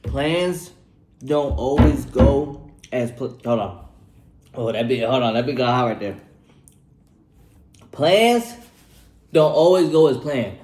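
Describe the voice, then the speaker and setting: A man's voice: medium pitch, animated, slow pace, pauses often, darkish tone, slight background noise. Laid-back young man, echoey room. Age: 20s. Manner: laid-back, slangy, repeats himself, tags lines with "bro". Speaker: vlogger giving life advice. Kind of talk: casual advice vlog while eating.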